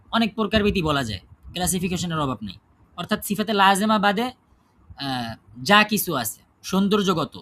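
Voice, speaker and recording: A man teaches a class with a high-pitched voice. He asks the students questions and answers them himself. He keeps checking whether they follow him. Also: pushed and bright. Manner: checks understanding with frequent tag questions. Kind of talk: classroom lesson on Quran recitation rules.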